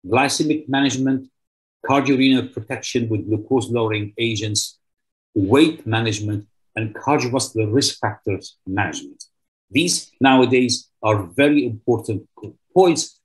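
An older man with an Egyptian accent delivers a formal medical lecture as a professor, stressing his key words in a mid-range voice. It's a low-quality video call recording of a remote presentation made indoors.

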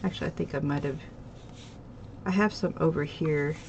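Showing off her stitching projects at an indoor home craft table, a woman with a stuffy, slightly nasal, congested voice rambles casually, full of ums and restarts, as a craft channel host. Her deep voice is creaky and a little mellow at a moderate pace. The sound is lo-fi, with slight background noise.

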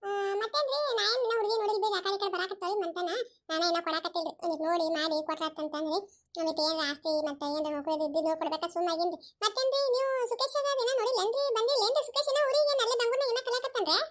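A woman's voice: very high-pitched, very fast, voice pushed up. A woman voicing a nosy, gossipy middle-aged village neighbour. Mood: prying. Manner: prying, gossipy questioning.

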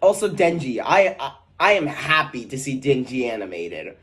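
A YouTube host reacting to an anime trailer, gushing and excitable, often restarting sentences and breaking into excited shouts. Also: mid-range voice, normal speed.

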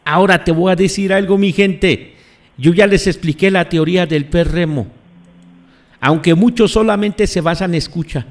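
A man hosting live commentary on earthquakes, emphatic, repeating phrases and putting questions to his audience. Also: a little high. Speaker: host.

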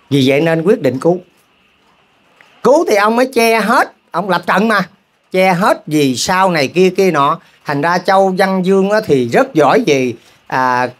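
A lay preacher with a Southern Vietnamese accent, telling a moral story as a sermon and keeping the congregation involved with rhetorical questions. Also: mid-range voice. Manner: keeps asking the audience rhetorical questions; repetitive, folksy, halting restarts.

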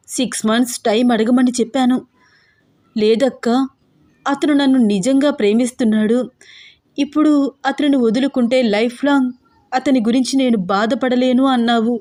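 A woman reading as a weeping older sister in a wheelchair, pregnant and protective of her sibling. She pleads in a high, mellow, soft-edged voice. A storybook figure. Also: lightly acted.

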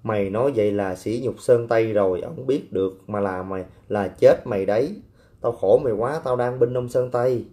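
A man's voice: fairly low pitch, moderate pace, warm tone. A man hosting a casual livestream, reading viewer comments with brash, teasing, coarse banter. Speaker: livestream host.

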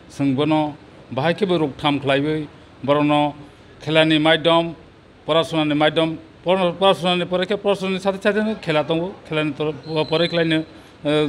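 A middle-aged man from Tripura with a Kokborok accent, the president of a sports committee, answering an outdoor interview with many pauses and fillers into a handheld mic. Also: on the high side, a little hiss or hum. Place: open pavilion beside a sports ground. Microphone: handheld mic held by interviewer.

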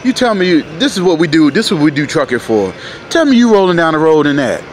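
A man from North Carolina, a truck driver casually vlogging to viewers in an animated, folksy way. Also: a little high, fast, a little hiss or hum. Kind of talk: casual vlog talk to viewers. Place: truck stop, indoors and outdoors in the lot.

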